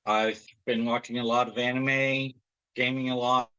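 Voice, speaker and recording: A man's voice: mid-range voice, little pitch movement, normal speed, sharp tone, clear, resonant tone, dry recording. A man chatting casually in a hesitant, understated way on a slightly dull microphone. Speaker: tabletop player. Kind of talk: casual chat.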